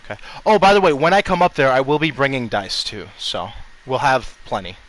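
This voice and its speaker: A man's voice: mid-range voice, big pitch swings, fairly quick, a bit bright, rough recording. Casual, swearing man running a game. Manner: casual and loose, swearing, laughing, trailing off. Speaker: game master. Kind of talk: narrating a tabletop game.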